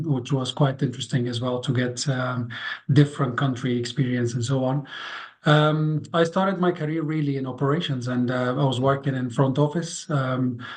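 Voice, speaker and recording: A man's voice: medium pitch, a little mellow. A man in his thirties from Egypt, a podcast guest talking through his career with many ums and restarts. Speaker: guest, hotel revenue co-founder. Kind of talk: casual interview talk.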